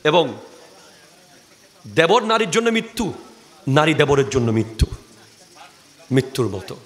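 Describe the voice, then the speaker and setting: Fiery high-voiced male preacher from Bangladesh. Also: sing-song, measured pace. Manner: swings from soft to shouted fiery preaching. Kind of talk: Bangla waz sermon.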